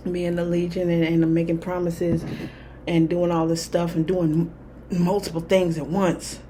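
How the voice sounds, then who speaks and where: A spiritual vlogger speaks candidly to the camera, rambling casually and using lots of fillers. She has a lowish, somewhat dark voice, and there's slight background noise.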